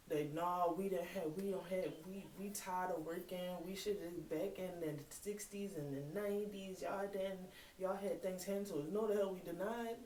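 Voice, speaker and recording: A woman's voice: on the low side, mellow. A woman in her thirties talking bluntly and heatedly to her channel, swearing freely. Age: 30s. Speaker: vlogger. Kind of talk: casual monologue. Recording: echoey room, mic at a distance, faint hiss.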